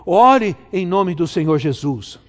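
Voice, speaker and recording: A middle-aged Brazilian pastor preaching with emphatic, drawn-out repeated phrases in a fairly high voice. His sermon carries a long reverb from a church hall. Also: animated. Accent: Brazilian Portuguese.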